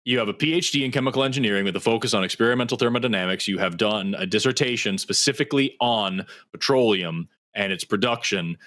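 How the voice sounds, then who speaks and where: A male talk show host questioning a caller, pressing for clear answers. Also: fairly low pitch, a bit bright. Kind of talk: call-in debate.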